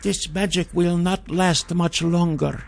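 A man voicing a stern wizard disguised as a goblin, speaking high and clipped in a storybook reading. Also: fairly even intonation, slow pace, gravelly, exaggerated voice. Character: shape-shifted wizard posing as a goblin, male, stern. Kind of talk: audiobook character voice.

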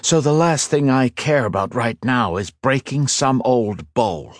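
A man's voice: medium pitch, big pitch swings, unhurried, a little mellow, no room sound, studio quality, pitched above the performer's own voice. A man voicing an impatient, blunt young hero. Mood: defiant. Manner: raised, urgent and curt.

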